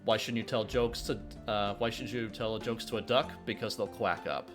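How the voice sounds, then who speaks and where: Faint background music plays while a young game developer streams his work, talking at a moderate pace in a fairly low voice with fairly even intonation. He rambles, hesitates and restarts often, mixing in jokes and reading his chat's questions aloud.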